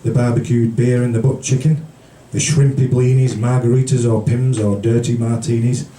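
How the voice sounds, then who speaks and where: The featured poet at a small indoor café event reads live in a dark, mellow, medium-pitched voice with little pitch movement, literary and measured, with brief casual asides. He's heard from across an echoey room in a roomy, distant, noisy live recording.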